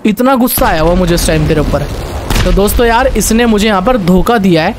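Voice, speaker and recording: Excitable young man narrating gameplay. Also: high-pitched, brisk, background noise. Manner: excitable, talks to viewers, barks orders in role. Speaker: gameplay commentator. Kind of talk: Hindi gameplay commentary with English words.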